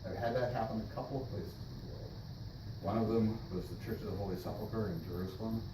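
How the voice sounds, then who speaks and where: A man leading a casual church class discussion, thoughtful and halting, with many restarts. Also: lowish voice. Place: church meeting room. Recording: echoey room, distant mic, noisy.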